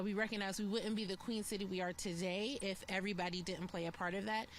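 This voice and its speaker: Woman, museum executive, measured and articulate, news interview, faint background noise. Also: mid-range voice, fairly bright tone.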